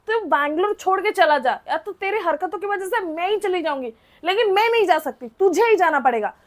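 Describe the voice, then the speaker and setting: A woman's voice: extremely high pitch, animated, brisk. A young woman vlogger telling viewers a personal story as a heated, blunt rant, swearing freely and talking straight to the camera.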